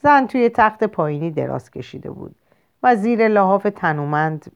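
A woman narrating a short story in a measured, expressive audiobook reading. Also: mid-range voice, clean tone. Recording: lo-fi muffled recording.

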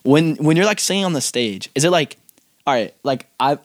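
A man's voice: fairly high pitch, lively intonation, normal speed, no echo. A young adult man co-hosting a casual podcast, rambling with lots of "like" and slang. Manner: rambling, heavy use of "like" and slang. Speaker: podcast co-host.

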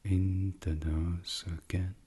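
Speaking in a low voice with a breathy edge and flat delivery, a man guides a sleep meditation. His hushed, soothing ASMR style includes long pauses and near-whispered phrases.

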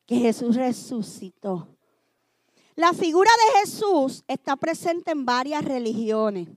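A woman preacher giving a sermon in a church, driving her points home with repeated refrains and swinging between loud declarations and hushed lines. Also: sits high, dry recording.

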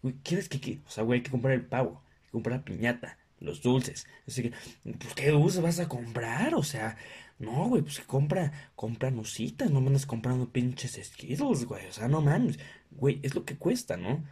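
A man's voice: mid-range voice, moderate pace, slightly rough. A young Mexican man hosting his podcast, ranting with lots of swearing and doing exaggerated voices of other people. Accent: Mexican Spanish. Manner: profane, ranting, animated impressions of others. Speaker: podcast host. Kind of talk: casual comedic monologue.

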